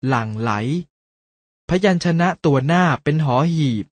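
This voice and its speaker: A man's voice: on the high side, lively intonation, no room sound. A man narrating a school lesson for young children, carefully reading out words and their pronunciations. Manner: slow, careful word-by-word reading aloud. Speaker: teacher.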